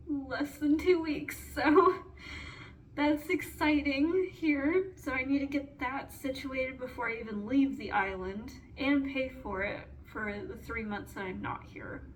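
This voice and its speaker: A woman's voice: sits high, measured pace, low-quality recording. A woman in her twenties, a veterinary student, talks casually and candidly to the camera in a diary-style vlog, with frequent "um" and "like".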